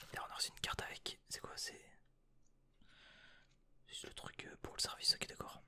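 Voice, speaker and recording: A young man whispering through an unboxing vlog in his bedroom into a desk microphone, hesitant and rambling with mild swearing. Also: bright, forceful tone. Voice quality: breathy whisper. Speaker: vlogger.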